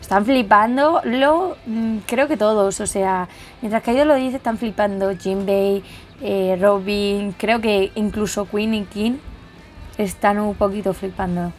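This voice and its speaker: A young woman, reading a manga chapter aloud and reacting with excited exclamations. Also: mid-range voice, soft background music. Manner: excitable, exclamatory, quick to gasp and laugh.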